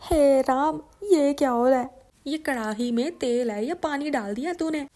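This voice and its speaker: A woman's voice: on the high side, measured pace. A woman voicing a nagging, scolding older mother-in-law in a cartoon story. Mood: shouting. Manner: scolding, complaining loudly. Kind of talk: cartoon voice acting.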